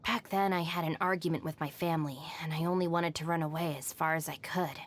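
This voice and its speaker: An actress voices a level-headed, self-reliant young woman in scripted video game lines, composed, dry and matter-of-fact. Her natural-sounding voice sits low, with fairly even intonation and fast delivery over background music.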